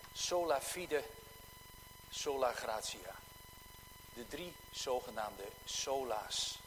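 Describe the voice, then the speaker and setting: Slow, emphatic Dutch-speaking preacher in a church. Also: male voice, on the high side, fairly bright tone, in a large hall, a little hiss or hum, rough recording. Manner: slow, measured, emphatic delivery. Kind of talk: sermon.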